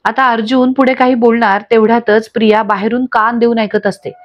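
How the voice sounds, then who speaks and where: Woman narrator, serial recap voice-over, slightly high, lo-fi sound. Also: fairly quick. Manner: steady storytelling. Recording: dull lo-fi recording.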